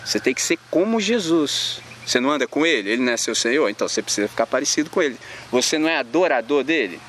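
A man's voice: mid-range voice, animated, racing, fairly bright tone, a little hiss or hum. A man with a Brazilian accent preaching to young people in slangy everyday talk, acting out little scenes as he goes. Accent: Brazilian Portuguese. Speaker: youth preacher. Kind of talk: informal sermon to young people.

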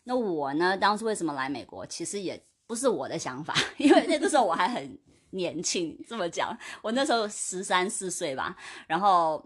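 A woman's voice: on the low side, sing-song, moderate pace, husky. A young woman from mainland China, co-hosting a casual podcast and mixing English words into her talk. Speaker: podcast co-host. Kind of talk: casual chat.

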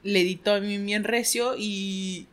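A woman's voice: medium pitch, slow. Slangy Mexican woman telling a story. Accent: Mexican Spanish. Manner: slangy, animated storytelling with acted quotes. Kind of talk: casual chat.

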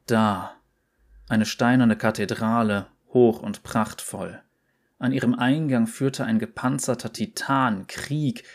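A man narrating a short story in a slow, deliberate, measured reading. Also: medium pitch.

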